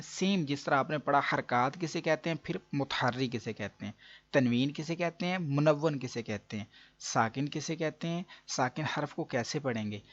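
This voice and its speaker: A man's voice: medium pitch, a bit bright, muffled recording. A man teaching an online recitation lesson, explaining patiently and repeating each rule step by step. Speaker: Quran reading teacher.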